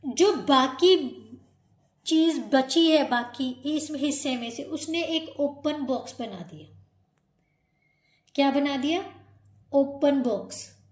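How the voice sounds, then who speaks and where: A woman with an Indian accent and a high, light voice gives a maths lesson. She works through every step patiently and keeps checking with her students. Her voice sometimes drifts a little off the mic as she moves to write. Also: takes it slowly, pauses often. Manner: patient, explains step by step, often calls students "beta". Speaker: maths teacher.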